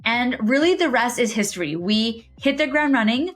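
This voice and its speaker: Young female podcast co-host, animated casual storyteller, higher pitch, faint music bed. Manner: energetic, quick storyteller with animated voices.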